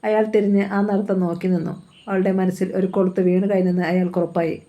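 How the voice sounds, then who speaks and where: A woman reads a novel aloud in a steady storytelling manner. Her voice sits low and mellow, with very little rise and fall in pitch. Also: fast talker, highs cut off. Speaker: narrator. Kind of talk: novel reading.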